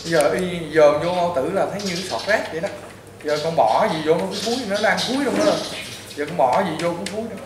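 A man's voice: high voice, fast talker. A man with a Southern Vietnamese accent, a priest and healer, counseling a patient bluntly and repetitively, as if to his own child. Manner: blunt, repetitive, lecturing, addressing the listener as a child. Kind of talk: informal counseling talk to a patient. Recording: echoey and distant with loud background noise.

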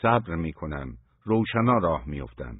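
A man's voice: rumbling low, big pitch swings, breathy edge, no echo, heavily acted. Terse old stable keeper, read by a man. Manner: short blunt replies. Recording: dry, phone-like narrow sound.

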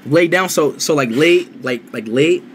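A man's voice: fairly high pitch, unhurried, a little hiss or hum. A young man talking casually with a friend after a stream, loose and slangy, often trailing off. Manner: loose slangy talk, trails off, says bro a lot.

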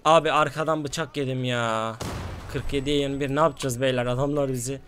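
Excitable man commenting on gameplay. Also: medium pitch, fairly quick, soft background music. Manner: excitable, flares up at losing teammates. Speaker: gaming YouTuber.

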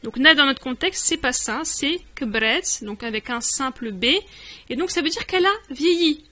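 High bright voiced lady teacher, slow and patient, repeats every word. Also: expressive. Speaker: online language teacher. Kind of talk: explaining a dialogue step by step.

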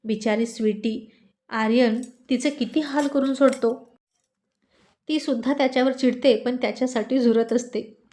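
Storybook husband in his thirties, teasing and fond, read by a woman in a fairly high voice. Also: fairly even intonation, normal speed, dark tone, close to an everyday voice. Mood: affectionate, teasing. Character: playful affectionate husband, mid-thirties man.

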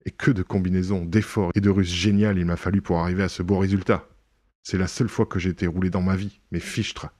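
A man doing a suave young gentleman burglar, proud and sharply ironic, his low, husky voice jumping higher when stung. It is an audiobook reading with theatrical bursts of indignation. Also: level tone, quick pace. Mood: wry amusement. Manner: indignant outbursts, mocking irony.

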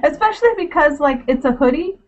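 Bubbly high-voiced woman on a video call. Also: animated, brisk, lo-fi sound. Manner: bubbly, rambling with many "like"s. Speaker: co-host of a live Q&A. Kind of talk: casual video chat.

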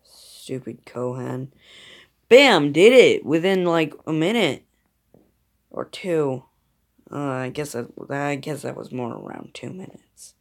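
A man's voice: medium pitch, big pitch swings, slow, gravelly. A man giving casual gameplay commentary, talking to himself in a grumbling, sarcastic way. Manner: grumbling, sarcastic self-talk. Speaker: gamer.

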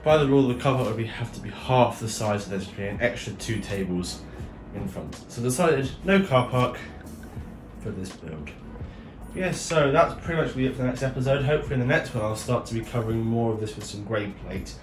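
Animated and brisk, with a medium-pitched voice, a man hosting a vlog walks through his hobby build in a casual, unplanned way, thinking aloud as he goes. The YouTube host is indoors beside the project, recorded on a faraway mic in a reverberant room with music behind him.

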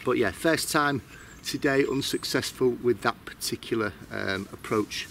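A man's voice: medium pitch, a little slow, vocal fry, a bit bright, a little hiss or hum. A man in his forties, a bushcraft vlogger, chatting to camera in a casual, self-mocking way as he explains his kit outdoors in a woodland.

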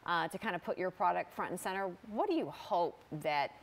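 Female morning-show host, 30s, slightly low-pitched, upbeat and chatty, studio lapel mic. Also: animated. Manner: upbeat, chatty, quick affirmations. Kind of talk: TV interview hosting. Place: TV studio set.

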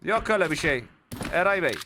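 A young man commentating his mobile shooter game, getting frustrated and shouting at opponents. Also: fairly high pitch, brisk, heavy background noise. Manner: excitable, frustrated outbursts while playing. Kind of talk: live gameplay commentary. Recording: clear game gunfire behind the voice. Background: shooter game gunfire and clicks.

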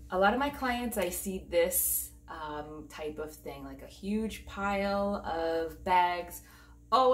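A woman in her thirties gives a chatty, upbeat home organizing demo in an indoor entryway with hardwood floors, moving around while handling bags. Her medium-pitched voice is picked up at a distance by a camera mic. The room echoes, and she often sounds off-mic.

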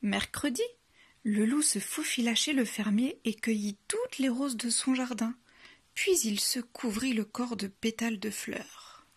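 A woman reading a children's bedtime story aloud in a soft, hushed, unhurried way. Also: a little high, slightly rough.

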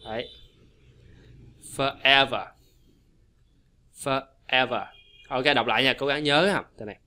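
A man teaching English pronunciation in a chatty, repetitive way, slowing down to model English words. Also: mid-range voice, pushed and bright. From Vietnam. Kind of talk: casual explanatory lesson.

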